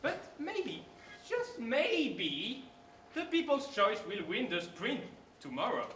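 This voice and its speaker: A man acting a co-commentator in a student stage play who coaches the audience to shout back. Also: very high-pitched, wildly swooping pitch, takes it slowly, heavily acted. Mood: coaching. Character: cheerful male co-commentator leading the crowd. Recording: echoey hall, faint noise.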